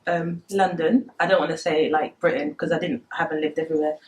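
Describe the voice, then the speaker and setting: Speaking a little quickly in a low voice with fairly even intonation, this woman in her twenties from the Democratic Republic of Congo shares personal memories in a conversational interview. She's a native Lingala speaker and comes across as reflective and hesitant.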